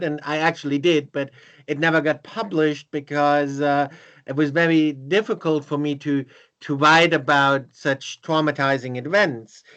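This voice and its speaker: A man hosting an interview, speaking in a halting way with many restarts and repeated words. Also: a little high, fairly bright tone. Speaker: interview host. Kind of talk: casual interview chat.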